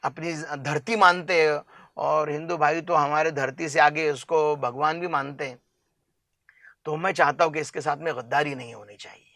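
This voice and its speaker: A man's voice: on the high side, steady tone, bright, forceful tone, dry recording, clean studio sound. A man from India, an interview guest making an impassioned public appeal, earnest and emphatic, stacking up long lists of examples.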